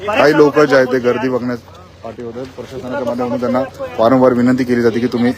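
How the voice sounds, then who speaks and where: A man reporting live from the scene of a factory fire, in a quick, repetitive on-the-spot news style. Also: mid-range voice, level tone, crowd noise. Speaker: field reporter.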